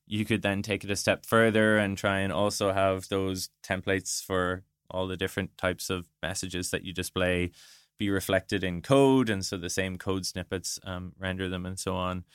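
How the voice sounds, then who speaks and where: Recorded at studio quality without echo, a man's low, smooth voice comes through. He's a product design director being interviewed, laying out his ideas conversationally and musing aloud with illustrative asides.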